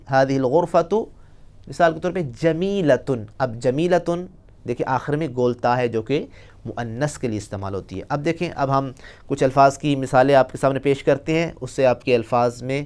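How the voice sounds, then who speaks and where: Male Arabic teacher, smooth clear voice, patient and methodical, draws out each example word. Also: medium pitch, a little mellow. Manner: slow, drawn-out pronunciation of example phrases; patient step-by-step explanation with repeated examples. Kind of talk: recorded language lesson.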